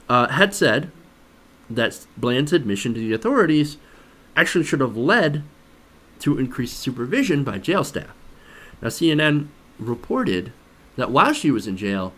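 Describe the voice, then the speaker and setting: A man's voice on the high side, fairly bright in tone, carries this host's political commentary. Conversational yet skeptical and emphatic, he keeps posing rhetorical questions about the news.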